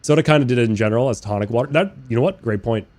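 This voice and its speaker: A young man live-streaming a flight sim, chatting casually and rambling, swearing freely, talking to his chat and bursting into loud incredulous rants. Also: medium pitch, very fast. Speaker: game streamer. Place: living in Australia.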